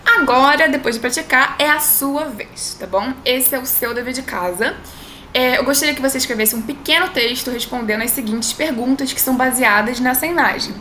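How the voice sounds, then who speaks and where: A woman teaching a language lesson in a chatty way, saying example sentences slowly and often asking whether you follow. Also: sits high, pushed and bright. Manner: chatty, drawn-out model phrases, frequent tag questions. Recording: echoey room with faint noise.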